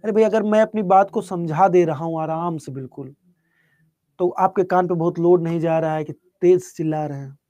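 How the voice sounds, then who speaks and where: A man teaching a live online exam-prep class, speaking softly and unhurriedly while answering students' chat questions. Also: a little high, dry recording. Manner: soft-spoken, calm and unhurried.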